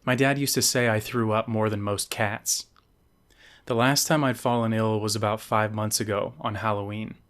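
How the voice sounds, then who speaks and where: A man, the author, reading his own novel aloud as measured scripted narration. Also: lowish voice, steady tone, fairly bright tone.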